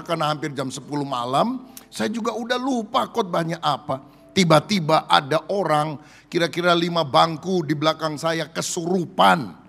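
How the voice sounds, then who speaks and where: Preaching to his congregation, a pastor tells stories and often calls them brothers and sisters, his voice swinging widely in pitch and loudness. He speaks with vocal fry, and the audio has a big-room sound.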